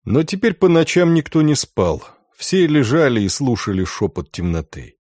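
Expressive male audiobook narrator, dry sound. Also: medium pitch, no room sound. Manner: expressive, measured storytelling.

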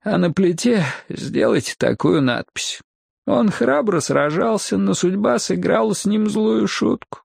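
A man's voice: high voice, expressive, measured pace, gravelly, a little mellow, slightly rough, no room sound, studio quality, voice pushed up, exaggerated voice. A man doing a feebly dying young hero. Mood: mock-solemn. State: weak, feigning dying. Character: wounded young man, weak and dramatic, giving last wishes. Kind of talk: audiobook character voice.

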